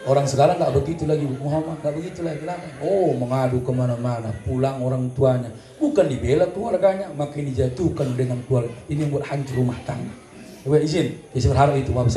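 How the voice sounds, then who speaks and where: A man preaching a comedic sermon at a religious celebration, with a North Sumatran accent, joking and acting out quarrels between couples. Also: fairly high pitch. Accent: North Sumatran Indonesian. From North Sumatra, Indonesia. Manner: lively, joking, acts out quarrels, sings snatches. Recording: echoey hall with faint noise.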